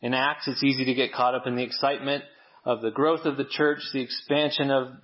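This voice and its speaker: A man's voice: mid-range voice, steady tone, a little fast, muffled recording. Man preaching a casual sermon. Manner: conversational, self-deprecating storytelling. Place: church service.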